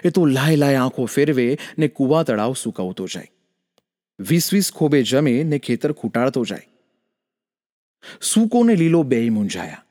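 A male storyteller narrates a folk tale in a rhythmic, sing-song cadence. His pitch swings lively up and down. A long reverb hangs behind the voice. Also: normal speed.

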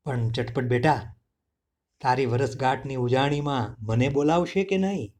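A man's voice: medium pitch, a little slow, darkish tone, natural voice. A man voicing a hungry, sly male jackal in a storybook reading, speaking in a falsely sweet, wheedling way.

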